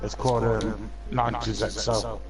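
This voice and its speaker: A man's voice: on the low side, flat delivery, normal speed, distant mic, crowd noise, low-quality recording. A man chatting casually with a friend over a game, giving short offhand replies. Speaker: gaming friend. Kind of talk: casual chat while gaming.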